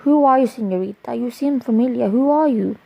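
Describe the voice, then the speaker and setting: A lovestruck young man who turns into a wolf, soft and pleading as he dotes on his love, read by a woman. The voice carries a gravelly edge and sounds dull and lo-fi. Loving Spanish endearments run through his lines. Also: very high-pitched, fairly quick, exaggerated voice. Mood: tender. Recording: dull lo-fi recording.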